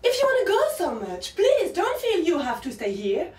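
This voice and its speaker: A woman's voice: very high voice, wildly swooping pitch, normal speed, darkish tone, exaggerated voice. An actress playing a prim, wounded woman who is coldly and sarcastically polite to her boyfriend, in naturalistic film dialogue. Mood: icily polite. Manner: icily polite, passive-aggressive, sarcastic self-pity. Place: living room of a home. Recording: roomy room echo, faint background hum.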